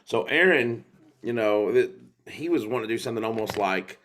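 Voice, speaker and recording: A man's voice: medium pitch, lively intonation, fairly quick. A man, a guest singer-songwriter, talking in a loose, rambling storytelling way with fillers and asides. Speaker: guest musician. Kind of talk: live singing and casual interview chat.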